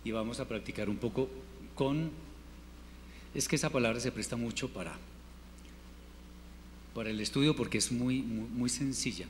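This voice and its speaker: A man teaching a Hebrew class, patiently drilling word forms and repeating them slowly for his students. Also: mid-range voice. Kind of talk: classroom lesson. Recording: reverberant room with faint noise.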